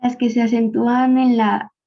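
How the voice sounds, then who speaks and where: A woman student with a Mexican Spanish accent answers in a slightly high voice, unsure and seeking confirmation. Her audio comes through dull and muffled, like a weak online connection. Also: flat delivery, normal speed, dark tone. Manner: hesitant, checks her answers.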